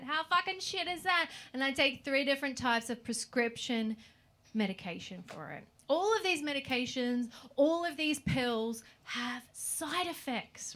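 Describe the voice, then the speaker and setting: Her high, slightly bright voice drives a loud, foul-mouthed set of self-mocking comedy at a club; she's an Australian woman in her forties. Laughter from the audience runs through the live club audio.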